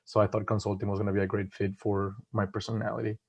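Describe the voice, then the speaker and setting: A man's voice: lowish voice, flat delivery, fast, darkish tone. Eager young man from Mexico. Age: 20s. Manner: eager, self-described hyperactive, casual talk. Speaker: guest consultant. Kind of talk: webinar panel answer. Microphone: video call. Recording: dull lo-fi video call audio.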